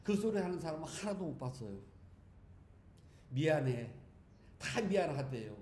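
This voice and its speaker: A man's voice: a little high, sing-song, fast talker, darkish tone. A male Buddhist monk giving a chatty, humorous sermon in a temple hall, often speaking to his listeners directly. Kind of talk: conversational sermon. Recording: echoey hall with faint background noise.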